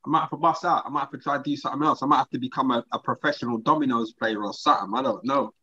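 A man's voice: mid-range voice, fairly even intonation, rapid-fire, bright, forceful tone, slightly rough, highs cut off. A man in a casual discussion, reasoning aloud somewhat hesitantly.

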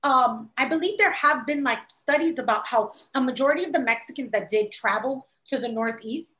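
Her voice sits high and moves briskly as this New Yorker, whose accent carries a Puerto Rican influence, talks casually. She's animated, performing the voices of people she quotes, and the recording has an echoey room sound.

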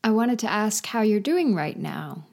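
A woman interviewer with a mellow, warm voice. She is a librarian and asks her guest short, direct questions. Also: mid-range voice, sing-song, a little slow, gravelly. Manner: brief prompts and questions.

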